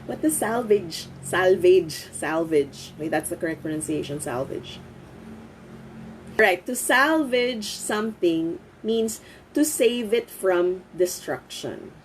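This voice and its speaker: A woman from the Philippines with a Filipino accent, giving a live online English lesson in a lively way, mixing in Tagalog and laughing often. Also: medium pitch, measured pace, slight background noise. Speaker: English teacher.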